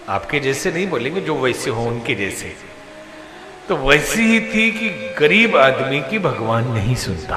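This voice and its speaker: A man's voice: medium pitch, echoey room, in a large hall. A man preaching a devotional sermon, telling parables and acting out the characters' lines with a voice that rises and falls. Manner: storytelling, acting out characters with rising and falling voice. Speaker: spiritual preacher.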